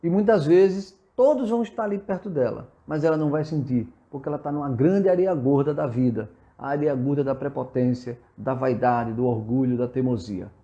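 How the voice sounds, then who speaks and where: A man's voice: medium pitch, fairly quick, hardly any pauses, dark tone, highs cut off. A man with a Brazilian Portuguese accent giving an earnest live sermon-style talk, reading viewer comments aloud and answering them. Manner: earnest and exhortative, reads out viewer comments and replies. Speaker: spiritist preacher hosting a live session. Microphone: livestream from a phone or computer.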